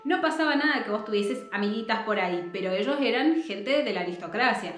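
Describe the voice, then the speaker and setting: A woman's voice: a little high, expressive, brisk, a little hiss or hum. A woman with a Rioplatense Spanish accent casually retelling a novel in a chatty way, with many fillers and asides to her viewers. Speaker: book narrator. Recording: roomy echo, faint music.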